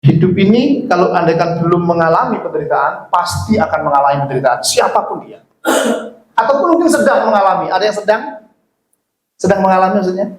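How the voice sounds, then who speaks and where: A high-pitched, animated man preaches fairly quickly as pastor of his congregation, joking and asking them questions. His sermon is captured in a church hall that echoes.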